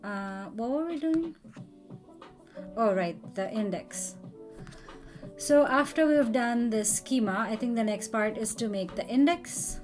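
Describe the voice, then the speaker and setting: A woman's voice: fairly high pitch, a little slow, pauses often, a little mellow, faint music behind. A woman live-streaming a coding session, thinking aloud and chatting with viewers as she works.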